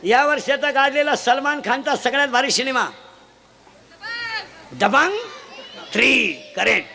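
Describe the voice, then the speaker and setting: A man giving a comic kirtan sermon, teasing and shouting questions to children in the audience. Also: very high voice, fairly quick, vocal fry. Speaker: kirtan preacher. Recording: noisy live event ambience.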